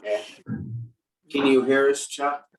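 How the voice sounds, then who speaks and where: A man chairing a county commission meeting, moving briskly through procedural business. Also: mid-range voice, fairly even intonation. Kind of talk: public meeting discussion. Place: meeting room. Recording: roomy sound from a distance.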